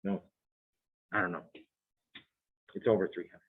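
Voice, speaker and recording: A man's voice: low voice, fairly even intonation, unhurried, slightly rough. A man teaching a chemistry class, working problems aloud and quizzing his students in a chatty, thinking-aloud way. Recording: tinny phone-like classroom recording.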